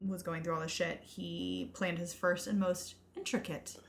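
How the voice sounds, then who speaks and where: A young woman co-hosting a true crime podcast, telling the case in a relaxed, casual way with some swearing. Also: lowish voice, moderate pace, gravelly, a little hiss or hum. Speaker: podcast co-host.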